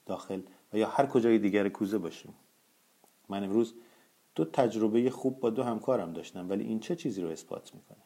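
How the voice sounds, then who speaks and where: A man narrating a first-person audiobook story in a steady, measured reading. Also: on the low side.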